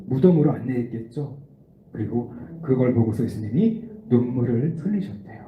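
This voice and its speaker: A man with a mid-range voice at normal speed gives an animated children's sermon, asking the kids questions as he guides them through a Bible passage. The audio is narrow and tinny, from a distant mic in an echoey room with faint noise.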